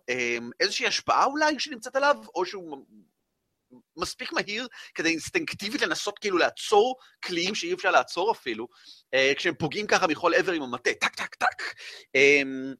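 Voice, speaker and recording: A man running a tabletop game as game master, narrating with many fillers and lively storytelling. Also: a little high, no room sound, clean studio sound.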